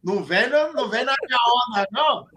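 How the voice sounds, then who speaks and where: A man hosting a casual live-stream football chat, loud and joking, swearing freely. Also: very high-pitched, animated, quick pace. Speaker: show host.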